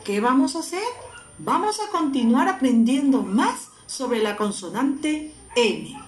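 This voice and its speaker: A woman's voice: sits high, sing-song, slow, echoey room. A woman primary school teacher with a Peruvian Spanish accent, teaching young children patiently and drawing out sounds for them to repeat. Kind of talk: recorded lesson for young children.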